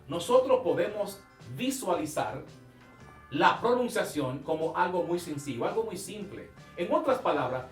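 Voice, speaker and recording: A man teaching English pronunciation in a televised class, speaking slowly and emphatically, drawing out key sounds and praising his viewers. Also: fairly high pitch, echoey room, distant mic. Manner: asks questions and praises the viewer.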